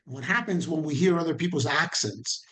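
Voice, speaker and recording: Somewhat high and a bit bright, this man's voice keeps a normal speed during an online training. He has a Caribbean Spanish accent, speaks conversationally, asks listeners questions, and restates key points for emphasis.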